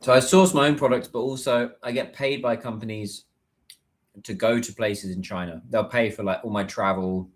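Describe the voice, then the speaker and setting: This British man, a livestreamer and business content creator, speaks in a lowish voice with fairly even intonation at a moderate pace. His livestream chat is casual and a bit rambling, full of fillers and restarts.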